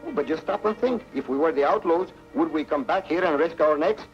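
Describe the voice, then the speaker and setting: An actor playing a charming, gallant male hero who talks in smooth, flowery compliments. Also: a little high, brisk, natural voice. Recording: dull old TV soundtrack with music.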